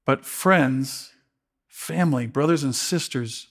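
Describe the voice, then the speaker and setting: A man's voice: mid-range voice, slow pace, fairly bright tone. A middle-aged man preaching a sermon as pastor, earnest and emotional, often restarting his words.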